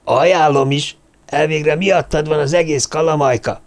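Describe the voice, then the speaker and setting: A man reading a blustering old male dwarf leader, loud and demanding. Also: fairly high pitch, fairly even intonation, voice pushed up, close to an everyday voice. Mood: gruff demanding. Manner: loud, demanding, bangs on the table.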